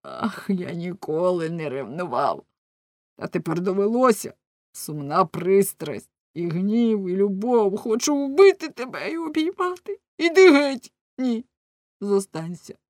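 A jealous, hot-tempered husband, voiced by a woman reading a storybook aloud. He shouts and rants in anguished outbursts. The sound is close and dry. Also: lowish voice, a little slow, no room sound. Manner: loud, ranting, anguished outbursts.

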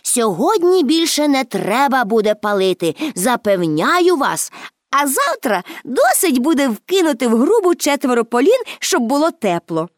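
A woman's voice: high-pitched, big pitch swings, moderate pace, dry recording, clean studio sound. Woman voicing a cheerful fearless little girl. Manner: bright, carefree exclamations.

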